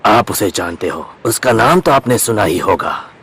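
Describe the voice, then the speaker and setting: Tazuna, a grave old bridge builder. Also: male voice, on the low side, lively intonation, normal speed, a bit bright, breathy edge, full character voice. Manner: grave, explaining at length. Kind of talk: anime dub acting.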